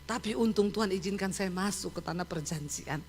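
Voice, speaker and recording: A woman pastor, preaching in a lively, storytelling way and turning often to speak straight to her congregation. Her voice sits at a middle pitch. A long reverb rings through a hall. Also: fairly quick, breathy edge. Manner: animated storytelling with many asides to the congregation. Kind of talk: sermon. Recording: echoey hall.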